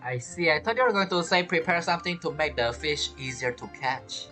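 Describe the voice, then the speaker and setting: Fairly quick and expressive, this young man's slightly high voice runs over music as he streams a game playthrough. He's chatty and playful, responding to the characters as they appear.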